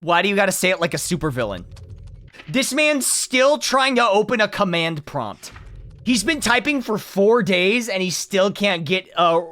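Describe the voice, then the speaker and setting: A man making mocking, casual game commentary. His voice is bright, fairly high and hugely animated. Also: normal speed. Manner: mocking, irreverent, puts on exaggerated deliveries. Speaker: commentator watching a game's story mode. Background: faint game music.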